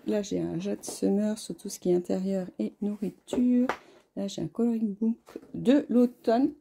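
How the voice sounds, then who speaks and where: A woman's voice: medium pitch, gravelly, mellow. A woman vlogging from home about her craft hobbies, chatty and friendly, with lots of hesitant filler sounds. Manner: friendly, speaks straight to viewers. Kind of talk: casual chatty show-and-tell vlog.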